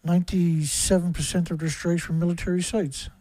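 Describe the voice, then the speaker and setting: A man's voice: a little high, flat delivery, fairly quick, mellow, dry recording. Angry ranting man on a livestream. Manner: angry, profane, hammering rhetorical questions. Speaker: livestream host.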